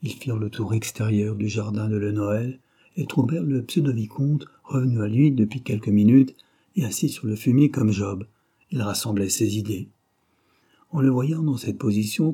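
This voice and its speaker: A man's voice: on the low side, moderate pace, breathy edge. A man reading a novel aloud as an audiobook narrator, raising his voice for the dialogue. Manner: reads the dialogue with raised, lively voices. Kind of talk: scripted narration.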